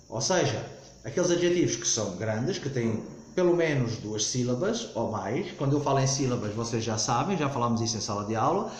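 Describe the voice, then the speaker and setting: A man teaching English grammar in a recorded lesson, explaining slowly and repeating himself with frequent "ok?" checks. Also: medium pitch, darkish tone, very echoey.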